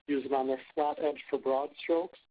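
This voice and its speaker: Short, step-by-step instructions come from a man narrating an instructional video from a script. The audio is a re-recording of a phone held to a speaker, giving tinny playback with a little hiss or hum, and his medium-pitched voice moves at a moderate pace with fairly even intonation.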